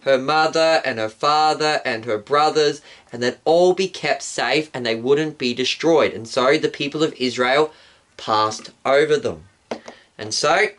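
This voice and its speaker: A male pastor calmly telling a Bible story for children and explaining it step by step. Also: on the high side. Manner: calm, explanatory, acts out shouts.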